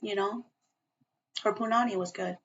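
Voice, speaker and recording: A woman co-hosting a podcast, gossiping with crude slang and quick reactions. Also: mid-range voice, fairly even intonation, gravelly, a bit bright. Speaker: podcast co-host. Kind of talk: casual chat. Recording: dull lo-fi podcast audio.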